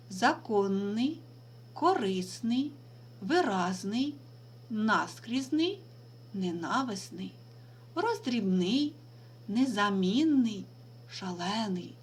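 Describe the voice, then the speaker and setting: Lively-voiced woman teacher, deliberate. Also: medium pitch, a little hiss or hum. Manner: slow, deliberate dictation with stressed words. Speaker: language teacher. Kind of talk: recorded remote lesson.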